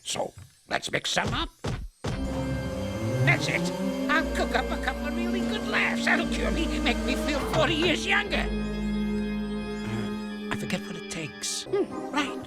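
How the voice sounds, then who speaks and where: A man's voice: extremely high pitch, wildly swooping pitch, unhurried, long pauses, heavily acted. An actor playing a cranky, boastful old male ape in a cartoon, who blusters, hurls goofy insults and mutters to himself. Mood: scheming. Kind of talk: cartoon voice acting. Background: cartoon music and sound effects.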